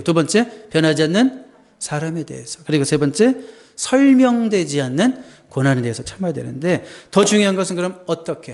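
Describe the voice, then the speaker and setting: Gravelly-voiced male pastor preaching. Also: fairly high pitch, darkish tone. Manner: conversational, asks the congregation questions. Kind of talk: sermon.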